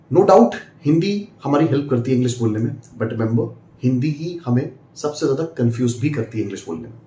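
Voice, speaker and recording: A man's voice: mid-range voice, warm tone, echoey room, a little hiss or hum. A man teaching an English lesson at a board, emphatic and repetitive as he coaxes his viewers along. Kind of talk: bilingual classroom-style lesson. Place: indoor room with a board.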